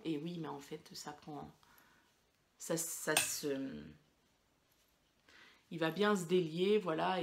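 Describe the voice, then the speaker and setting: A French woman hosts a knitting podcast, chatting casually to the camera. Her voice is deep with vocal fry, and she rambles with many fillers and restarts.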